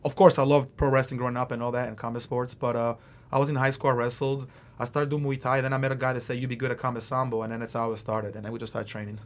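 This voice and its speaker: Born in Albania and raised in Philadelphia, this mixed martial arts fighter appears as a podcast guest on a studio mic. He talks fast and casually in a medium-pitched, flat voice, rambling with plenty of fillers.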